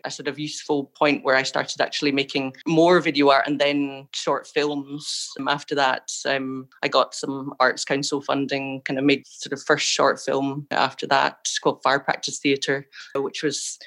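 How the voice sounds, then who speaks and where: A woman's voice: low-pitched, a bit bright. A woman in her forties from Scotland, an artist answering interview questions in a reflective, meandering way with many hedges. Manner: thoughtful, meandering, frequent hedging fillers. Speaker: artist and filmmaker guest.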